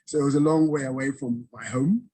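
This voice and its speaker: A middle-aged Ghanaian business owner chats casually in an interview over a video call. His mid-range voice is brisk and husky, and he stays relaxed, often chuckling and restarting his sentences.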